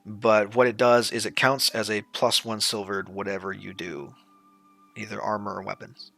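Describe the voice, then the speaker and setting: A man with a low, creaky voice runs a tabletop game as game master. He narrates casually and haltingly, with some swearing, in a bright, forward tone. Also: little pitch movement, soft background music.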